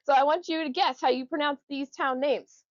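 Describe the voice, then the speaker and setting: A woman's voice: sits high, brisk, no room sound, muffled recording. A woman giving an informal, jokey explanatory talk to a group, conversationally demonstrating how words are pronounced. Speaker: presenter.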